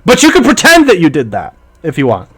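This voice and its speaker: Lively male game master. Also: on the high side, slightly rough. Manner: lively, halting with fillers. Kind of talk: narrating a tabletop game.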